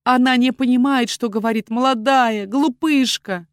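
A woman's voice: a little high, normal speed, clear, resonant tone, dry recording, studio quality, pitched above the performer's own voice, lightly acted. Woman playing an anxious pleading father. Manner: pleading, apologetic. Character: anxious middle-aged father pleading for his daughter.

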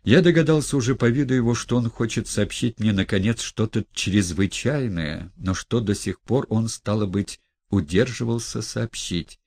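A man reading a classic novel aloud as an expressive, dramatic audiobook narrator. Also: on the low side, moderate pace, gravelly, no echo.

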